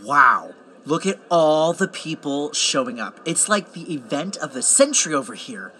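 A man's voice: on the high side, sing-song, moderate pace, bright, forceful tone. A man playing a chatty, wisecracking young best man with a camera, in a naturalistic drama. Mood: chatty, playful. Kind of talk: naturalistic found-footage drama acting.

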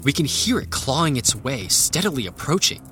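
An actor playing an earnest adventurer who narrates a tense audio drama in the first person. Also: male voice, medium pitch, big pitch swings, normal speed, fairly bright tone, soft background music. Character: earnest male adventurer recounting a tense story. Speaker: narrator and lead character.

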